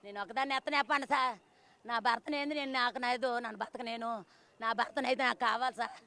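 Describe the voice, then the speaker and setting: Grieving widow, telangana accent, high bright voice, fast and loud. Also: female voice, fairly even intonation. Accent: Telangana Telugu. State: distraught. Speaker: widow of the victim.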